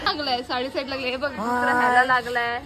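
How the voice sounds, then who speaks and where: A woman's voice: a little high, level tone, brisk. A woman with a Marathi Koli accent, chatting and teasing as she films a wedding vlog. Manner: chatty, teasing, talks to camera. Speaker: vlogger. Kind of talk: casual vlog chat. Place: outdoors at a busy wedding. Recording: noisy crowd around.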